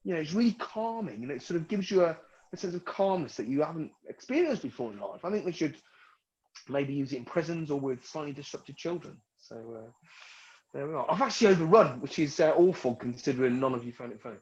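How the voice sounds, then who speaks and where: Self-mocking man in his forties, lively. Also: on the high side, fast talker, highs cut off. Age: 40s. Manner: crude, self-mocking, rambling delivery. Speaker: stand-up comedian. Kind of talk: stand-up set over a video call.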